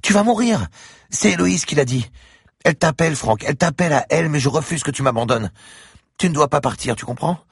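Eerie little girl, voiced by a man, husky breathy child voice, urgent and repetitive, dry close audiobook sound. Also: fairly high pitch, expressive, a little fast, no echo, voice pushed up, full character voice. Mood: frantic. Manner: urgent, repeats herself. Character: eerie insistent little girl, night visitor. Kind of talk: audiobook character voice.

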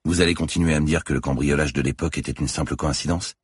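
A man voicing a fierce, driven female police lieutenant who shouts urgently, in an audiobook thriller. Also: a bass voice, steady tone, fast talker, breathy edge, no room sound, clean studio sound, full character voice. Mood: tense.

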